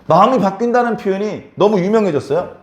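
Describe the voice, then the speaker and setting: Male pastor, sermon, emphatic and repetitive, somewhat high voice, echoey sanctuary. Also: animated, a little fast. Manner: emphatic, repeats key words, asks the congregation questions.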